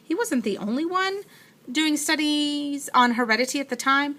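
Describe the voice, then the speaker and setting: This classroom science lecture comes from a woman who explains patiently and narrates what she writes while writing it. She speaks at a moderate pace, her voice high and sharp.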